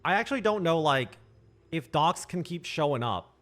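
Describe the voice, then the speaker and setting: Man muttering through a game, lively pitch. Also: moderate pace. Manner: thinking aloud, muttering asides. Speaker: streamer. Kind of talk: casual gameplay commentary. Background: faint game music.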